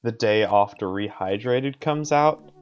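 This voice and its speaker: A man's voice: lowish voice, measured pace, smooth, muffled recording. A man streaming a game, chatting casually and reading the story aloud, rambling and laughing often. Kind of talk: casual let's play chat and narration.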